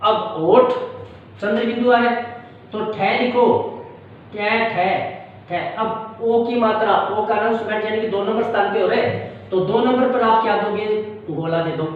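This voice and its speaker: A man's voice: high voice, measured pace. Patient male tutor in an echoey room. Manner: patient, repetitive, keeps checking understanding. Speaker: shorthand teacher. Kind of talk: classroom-style tutorial. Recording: echoey, distant, dull with faint hiss.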